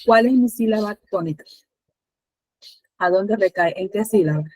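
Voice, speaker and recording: A woman's voice: mid-range voice, normal speed, a little mellow, no echo, poor audio. A Spanish teacher with a Panamanian accent, a woman, patiently asking her students questions with many fillers.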